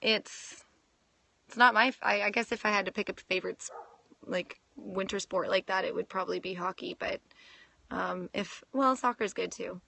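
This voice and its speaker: A woman's voice: medium pitch, normal speed, vocal fry, pushed and bright. A woman in her thirties from Canada, hosting a casual fitness livestream, reading viewer comments and laughing often. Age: 30s. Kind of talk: casual live Q&A. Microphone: phone.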